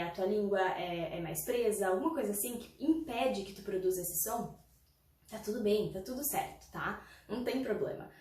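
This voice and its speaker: Roomy, distant teacher woman. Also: medium pitch. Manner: patient, explains with repeated examples and frequent "tá?" check-ins. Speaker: English teacher. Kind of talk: pronunciation lesson.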